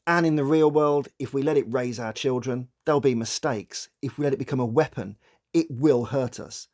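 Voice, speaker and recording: A man hosting a psychology channel, giving scripted video-essay narration in a measured, explanatory way. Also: mid-range voice, a little mellow.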